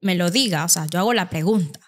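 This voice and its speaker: A woman speech therapist guest, explaining methods in a calm, methodical way. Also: fairly low pitch, fast. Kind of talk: explanatory podcast conversation.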